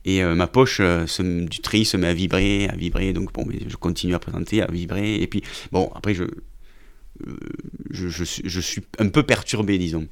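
A man, an army officer, telling a story in an interview with a gravelly voice and many hesitant restarts and fillers. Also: low voice, fairly even intonation, moderate pace. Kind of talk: conversational storytelling.

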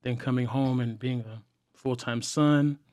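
A young man sharing personal struggles in a candid, earnest way, halting often with fillers and restarts. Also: mid-range voice, fairly even intonation, darkish tone, dry recording, studio quality. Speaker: podcast guest.

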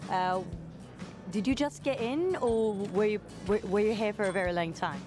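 A woman's voice: medium pitch, normal speed, music in the background. A woman working as a roving reporter, interviewing visitors at a book fair in an upbeat, chatty way, laughing easily. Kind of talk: vox-pop interviews.

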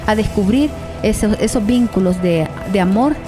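A woman with a Salvadoran Spanish accent giving an informal spoken book summary as a guest, haltingly searching for words. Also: mid-range voice, over music. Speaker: library guest recommending a book.

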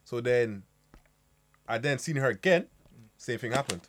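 A man's voice: medium pitch, expressive, a little slow, background noise. A young man, telling stories casually to friends in slang and repeating words for emphasis. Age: young adult. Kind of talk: casual storytelling among friends.

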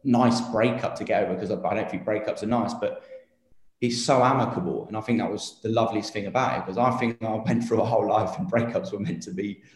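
A man's voice: on the low side, fairly even intonation, fast talker, roomy sound. A man in his late twenties, an interview guest talking casually and earnestly with many fillers and restarts. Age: 20s.

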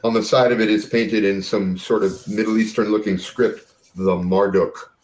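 A man's voice: fairly low pitch, fairly even intonation, normal speed, reverberant, poor audio. A man narrating an improvised tabletop game as game master.

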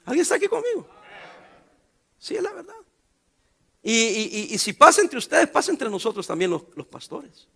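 A middle-aged man preaching a sermon, his voice high for a man, bright and gravelly. He jokes, turns sarcastic and talks in everyday slang to the congregation. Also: wildly swooping pitch, normal speed, long pauses. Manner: sarcastic, joking, colloquial preaching. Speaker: pastor.

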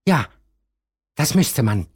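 A man voicing a boastful, quarrelsome male rabbit gardener in a storybook reading, in a raised, excited voice. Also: slow, husky, heavily acted. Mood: friendly. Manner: bragging, high and excited.

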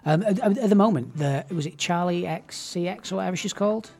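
A man's voice: sits high, a little fast, vocal fry, mellow. A man hosting a homemade radio show, talking things through in a thoughtful, hesitant way and repeating words as he searches for a position. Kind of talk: casual discussion.

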